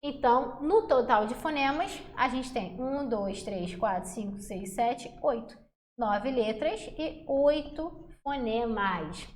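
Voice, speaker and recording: A high-pitched woman gives a chatty exam-prep lesson, constantly checking in with her students. She sounds out letters and syllables slowly and deliberately. The recording is roomy, with a noticeable echo. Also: lively intonation, slight background noise. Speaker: Portuguese teacher. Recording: echoey room.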